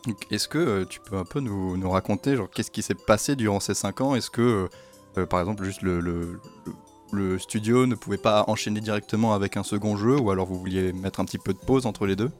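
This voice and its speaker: A man's voice: on the low side, a little fast, faint music behind. A man hosting a game development podcast, chatting in a friendly, hesitant way with many fillers. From France. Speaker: podcast host. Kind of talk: conversational interview.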